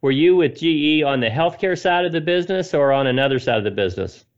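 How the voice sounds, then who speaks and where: A man's voice: a little high, expressive, fast, lo-fi sound. A man hosting a podcast, reading a polished introduction and then asking interview questions in an upbeat way. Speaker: podcast host.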